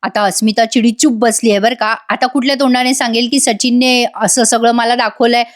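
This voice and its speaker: A woman's voice: on the high side, fairly even intonation, a little fast. A woman giving a chatty voice-over review of a TV serial episode, speaking directly to viewers.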